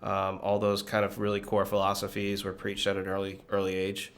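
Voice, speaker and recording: A man in his thirties from Connecticut, a guest in an interview, talking in a relaxed, reflective way with many fillers. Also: low-pitched, fairly quick. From Connecticut, USA. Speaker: guest, business leader. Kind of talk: conversational interview.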